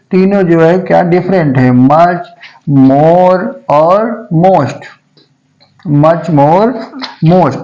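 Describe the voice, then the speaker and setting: A male teacher giving a grammar lesson, saying each word slowly and repeating it several times so students can follow. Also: fairly high pitch, mellow, lo-fi sound.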